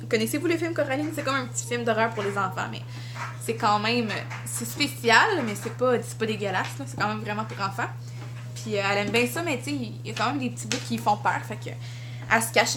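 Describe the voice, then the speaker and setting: A woman's voice: fairly high pitch, a little fast. A young woman with a Quebec French accent, chatting casually in a home vlog as a mother, switching to a sing-song voice for her toddler. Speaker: vlogger and mother.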